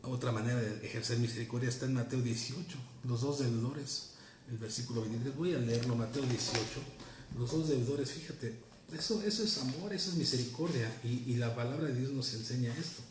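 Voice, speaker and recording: A man's voice: medium pitch, fairly quick, roomy sound, slight background noise. A man preaching a sermon in an earnest, teaching tone, repeating key phrases for emphasis. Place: church.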